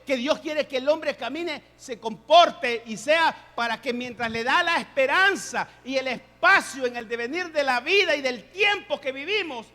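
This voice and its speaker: A man preaching a sermon as a pastor, building to loud, rising emphasis as he addresses his congregation. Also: very high-pitched, big-room sound.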